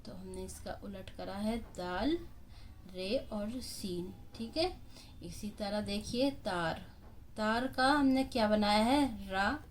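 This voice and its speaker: A woman's voice: mid-range voice, takes it slowly, slight background noise. A woman teacher who patiently walks young children through a lesson, spelling out letters one by one.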